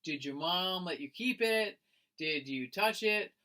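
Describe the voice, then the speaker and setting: A man voicing excited, curious young classmates from a storybook, with eager, wide-eyed exclamations and questions. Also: high-pitched, measured pace, exaggerated voice. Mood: eager questioning.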